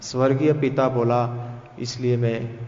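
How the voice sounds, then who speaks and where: A man's voice: medium pitch, steady tone, a little slow, darkish tone, slight background noise. A man preaching a sermon at a youth meeting, earnestly urging his listeners and telling stories from his own life. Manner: earnest exhortation with personal stories and repeated phrases. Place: church hall. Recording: echoey hall, dull lo-fi sound.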